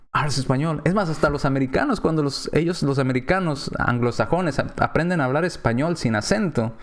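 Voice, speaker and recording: A man with a Mexican accent preaching a sermon, reading Bible verses aloud and then explaining them with rhetorical questions to his congregation. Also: mid-range voice.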